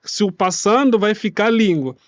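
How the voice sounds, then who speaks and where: Here the Kinshasa-born interview guest, a refugee rights activist whose first language is a Congolese tongue like Lingala, talks at a normal speed in a high-pitched, expressive voice. His Portuguese is non-native and loosely grammatical, with a Congolese accent, as he explains. The recording is dry and lo-fi.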